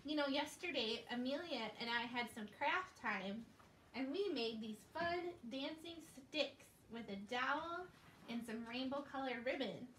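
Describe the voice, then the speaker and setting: A woman hosting a children's show tells a scripted story in a living room, speaking simply and encouragingly to small children. Her voice sits high and is animated, unhurried, and a bit bright. A distant camera mic picks her up in an echoey, noisy room.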